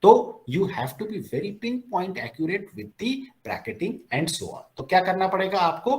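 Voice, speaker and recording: Heard through a rough recording, a man with a voice on the high side gives a lively classroom lecture on logic, captured on a recorded screen. He answers his own questions and mixes English phrases into his talk.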